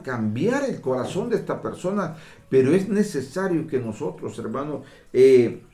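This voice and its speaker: A man delivers a fervent sermon, repeating and stacking his phrases as he calls out to his brothers. His voice sits at an ordinary pitch. The room around him rings with echo. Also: darkish tone. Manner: fervent, repetitive, addresses listeners as brothers. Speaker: preacher.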